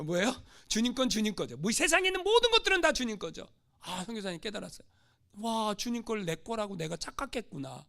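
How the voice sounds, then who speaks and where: A man's voice: high voice, sharp tone. A male pastor preaching a sermon, telling a story and asking the congregation questions. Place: church sanctuary.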